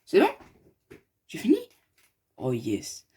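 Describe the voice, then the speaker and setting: A man talks his viewers through a building game in loose, rambling commentary. His pitch swings widely and animatedly from line to line. He addresses the audience directly and drifts into chatty asides. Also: wildly swooping pitch, slow pace, mellow. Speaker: gaming youtuber.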